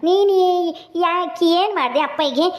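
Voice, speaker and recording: A woman's voice: very high-pitched, moderate pace. A woman playing a simple-minded village son. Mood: coaxing. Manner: coaxing, pleading.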